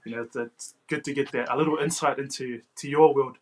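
A man's voice: mid-range voice, fairly even intonation, brisk. A man hosting an unscripted podcast interview in a hesitant, informal way, often saying bro and you know. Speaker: podcast host.

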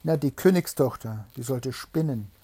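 Warm husky man reading a fairy tale. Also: medium pitch, normal speed. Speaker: storyteller reading to a child.

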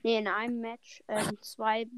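A woman's voice: fairly high pitch, monotone, unhurried, slight background noise. A young guest joining a casual podcast chat, hesitant and stopping and restarting as she talks. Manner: hesitant, with stop-and-start phrasing.

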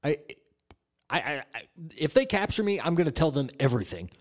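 Lively, ranting man in a comedy podcast. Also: a little high, fairly quick. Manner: ranting and profane. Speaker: podcast co-host. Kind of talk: improvised comedy bit.

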